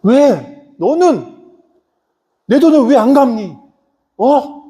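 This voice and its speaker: A preacher doing the voice of a king who speaks to the man in his debt. The voice is commanding, the tone dark and mellow, and the pitch lively. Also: takes it slowly, husky, exaggerated voice. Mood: angry. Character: king who rages over a debt, then forgives it.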